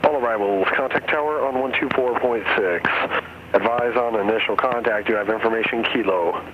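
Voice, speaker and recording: A man's recorded airport weather broadcast, read out in an even, measured announcer delivery over an aircraft radio. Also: mid-range voice. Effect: automated airport weather broadcast over aircraft radio. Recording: muffled radio audio under cockpit engine noise.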